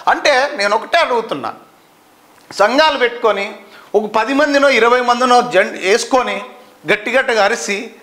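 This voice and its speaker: An indignant man, speaking very high in his range. His voice is bright and tense. He delivers an impassioned, rhetorical complaint to camera and keeps hammering the same questions. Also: normal speed. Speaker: citizen complainant at a district office.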